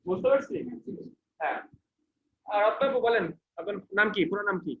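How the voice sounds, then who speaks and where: In an echoey training center classroom with faint background noise, a man from Bangladesh gives computer instruction step by step, frequently making sure his student keeps up. His voice is high-pitched and expressive at a moderate pace, with phone-quality sound.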